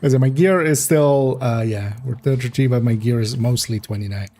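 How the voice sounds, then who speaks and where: A man streaming a game, chatting casually in a rambling, relaxed way and laughing often. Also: mid-range voice, moderate pace. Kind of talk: casual gameplay livestream chat.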